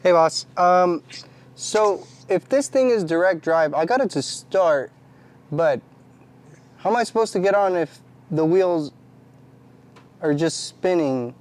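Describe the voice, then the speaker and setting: A man's voice: sits high, animated, slow pace, long pauses. A man hosting a casual vlog, chatty, bemused and self-deprecating as he fumbles through a task. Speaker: vlogger host.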